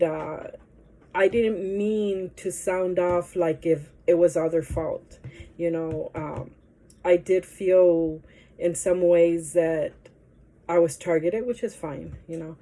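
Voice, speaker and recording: A vlogger chats casually to her camera, rambling and hesitant with many fillers, her nose stuffy from allergies. Her voice is on the low side with a warm tone.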